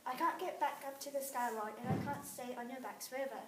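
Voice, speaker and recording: A woman's voice: high-pitched, fairly even intonation, brisk, natural voice. A woman reading aloud and voicing a young sky girl who gets tired and frightened. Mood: relieved. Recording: roomy, distant mic, faint noise.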